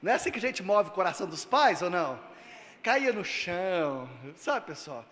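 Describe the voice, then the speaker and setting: A male pastor preaching a sermon, moving between loud emphatic lines and low, quiet storytelling. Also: big pitch swings, moderate pace, long reverb tail.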